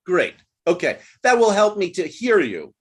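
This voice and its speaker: A man's voice: sits high, huge pitch swings, normal speed, breathy edge. A man leading an online group English lesson over a video call, patient and coaching, repeating phrases for his learners. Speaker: English teacher.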